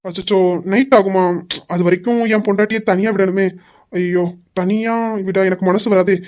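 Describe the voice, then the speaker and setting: A woman's voice: mid-range voice, steady tone, a little mellow, natural voice. Woman voicing a teasing stubborn husband. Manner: mock-sweet teasing, drawn-out pleading.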